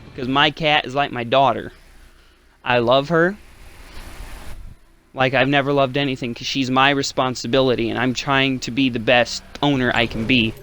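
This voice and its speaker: A man's voice: medium pitch, steady tone, normal speed, fairly bright tone, a little hiss or hum. Rambling young man telling a story. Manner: rambling, swears, lots of fillers. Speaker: gaming channel host. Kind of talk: casual storytime vlog.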